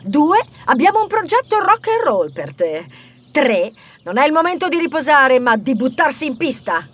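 A woman voicing a bossy, rock-and-roll female mouse neighbor who speaks in a brisk, matter-of-fact way. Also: high voice, very animated. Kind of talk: audiobook character voice.

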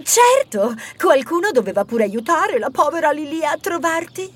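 A woman's voice: high-pitched, animated, moderate pace. A woman playing a bossy mouse neighbor. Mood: brisk. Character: bossy rock-and-roll female mouse neighbor. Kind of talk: audiobook character voice.

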